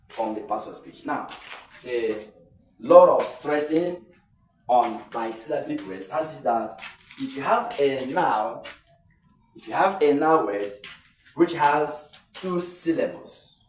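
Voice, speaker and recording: A man's voice: medium pitch, a little mellow. A man gives an exam-prep lesson, walking through rules step by step and repeating key phrases. He sounds distant from the mic. The room is echoey, with a faint hiss of noise underneath. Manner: repetitive, explains step by step. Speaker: English teacher.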